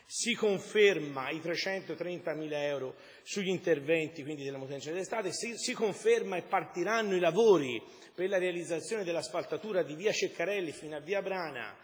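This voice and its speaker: A man's voice: fairly high pitch, fairly quick, hardly any pauses. A man, a deputy mayor giving a formal speech at a council meeting, explaining plans at length and repeating points. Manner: repetitive, explanatory, speaks in circles. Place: council chamber. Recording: reverberant council chamber.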